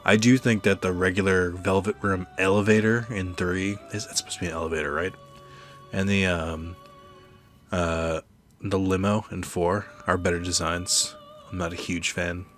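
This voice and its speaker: A man's voice: low voice, fairly even intonation, moderate pace, a bit bright. A man streaming a video game, giving casual, sweary, opinionated commentary with a sardonic edge. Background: game music.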